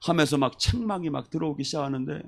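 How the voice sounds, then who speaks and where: A man preaching a sermon as a pastor, telling testimony stories in an animated way and acting out the people he quotes. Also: fairly high pitch, fast talker, creaky. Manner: animated storyteller who acts out quoted voices.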